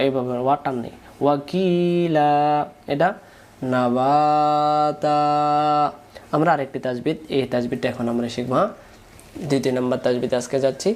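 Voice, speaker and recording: A man's voice: medium pitch, darkish tone. A man with a Bangladeshi Bengali accent teaching Quran recitation rules, patiently drilling syllables and asking his pupils to repeat after him. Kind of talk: spoken lesson with call-and-repeat drills.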